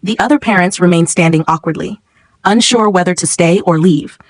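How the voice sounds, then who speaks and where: A woman reading a first-person story as a narrator in an even, measured way. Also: on the low side, no room sound.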